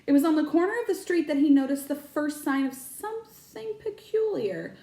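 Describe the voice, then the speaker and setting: A teacher reads a storybook aloud to children in a high voice that rises and falls a great deal. She's expressive and stops to explain words to her young listeners, and the room gives the sound an echo.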